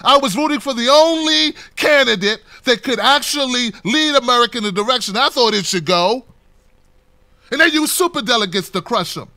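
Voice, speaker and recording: A man giving an unscripted political commentary, talking straight to the camera, impassioned and preachy, building to near-shouts. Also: extremely high pitch, lively intonation, normal speed, dry recording, studio quality.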